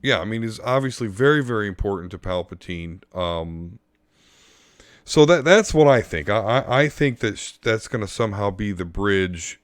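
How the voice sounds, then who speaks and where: A man co-hosting a podcast in casual chat, laid-back and thinking aloud with pauses. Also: on the low side, lively intonation, no room sound. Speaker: podcast co-host.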